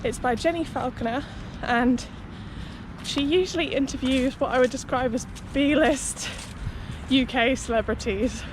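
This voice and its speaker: A woman's voice: high voice, measured pace. A young woman chatting casually to her vlog audience in a hedging, conversational way, recorded outdoors. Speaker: running vlogger. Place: outdoors beside a busy city road. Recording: outdoor street noise, passing traffic.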